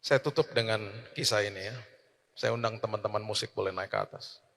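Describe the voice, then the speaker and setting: Bright-voiced animated man preaching. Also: on the low side, a little fast, gravelly, long reverb tail. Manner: animated, swings between loud emphatic preaching and quiet storytelling. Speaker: pastor. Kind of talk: sermon with personal story.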